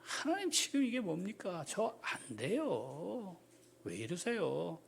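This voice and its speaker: A man acting out an eighty-year-old Moses complaining to God in a soft, pleading voice, inside a sermon. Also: high-pitched, big pitch swings, slow, pitched above the performer's own voice, full character voice. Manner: complaining, pleading, softer than his preaching.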